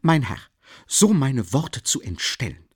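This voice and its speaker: A man reading an audiobook, voicing a pompous, offended middle-aged gentleman who speaks haughtily and indignantly. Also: mid-range voice, very animated, moderate pace, slightly rough, no room sound, clean studio sound, voice pushed up.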